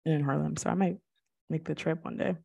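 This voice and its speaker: A young woman co-hosting a podcast in casual chat, expressive, laughing often and asking rhetorical questions. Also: low-pitched, fast, vocal fry, no room sound. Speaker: podcast co-host.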